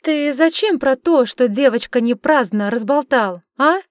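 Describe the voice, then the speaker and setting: A woman voicing a sharp-tongued, sarcastic witch in an audiobook, scolding and mocking. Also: a little high, lively intonation, a little slow, no echo, studio quality, pitched above the performer's own voice. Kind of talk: audiobook character reading.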